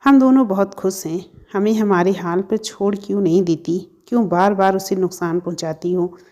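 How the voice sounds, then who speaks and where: A woman's voice: mid-range voice, moderate pace, warm tone, lightly acted. A woman voicing a young man who coldly accuses his former girlfriend in a storybook reading. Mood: accusing. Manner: cold, accusing.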